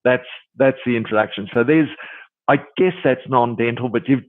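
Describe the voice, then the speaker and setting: A man's voice: medium pitch, moderate pace, no echo. Man telling stories over a tinny line. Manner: animated storyteller, acting out dialogue with many "you know"s. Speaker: dentist and dental coach. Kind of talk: podcast interview.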